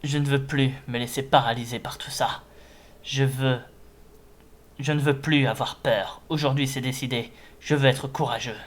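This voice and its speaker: Timid little game monster longing to be brave, played by a man; hesitant, downcast, mid-pitched. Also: steady tone, moderate pace, natural voice. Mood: resolute.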